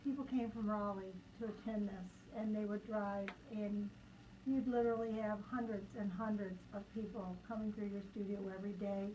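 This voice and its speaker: A woman artist being interviewed on the radio, explaining her work in an unhurried way. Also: mid-range voice, steady tone, mellow, a little hiss or hum, low-quality recording. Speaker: fiber artist and tour organizer.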